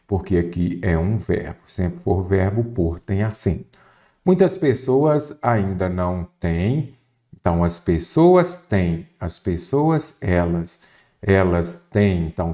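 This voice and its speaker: A man with a Brazilian accent teaching a Portuguese spelling lesson for exam prep, lively and full of rhetorical questions he answers himself. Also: low voice. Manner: addresses the student directly.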